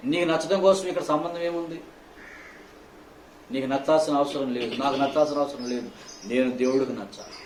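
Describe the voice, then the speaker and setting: A male pastor preaching a sermon, scolding his listeners with rhetorical questions, swinging between loud outbursts and hushed low phrases. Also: distant mic. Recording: echoey hall, faint room noise.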